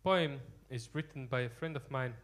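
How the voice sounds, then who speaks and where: A man's voice: medium pitch, normal speed, a bit bright. A young Latvian man chatting with the audience between songs on a theater stage, hesitant and self-deprecating with many ums, into a stand mic. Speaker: singer-guitarist. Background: guitar.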